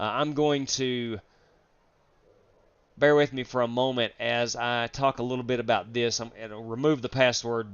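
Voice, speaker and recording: Feeling ill and worn out, a man runs a live sim racing stream, rambling chattily with fillers and saying hello to viewers in chat. His voice is medium-pitched, smooth and fairly bright with no echo, though the stream audio is dull, dry and lo-fi.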